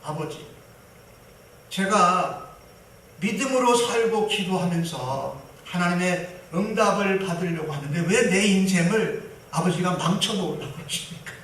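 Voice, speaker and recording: A man voicing a devout young man who quietly pleads in prayer, inside a sermon. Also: high voice, unhurried, recorded from a distance, a little hiss or hum. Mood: earnest. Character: earnest young man praying humbly. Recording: roomy hall from afar.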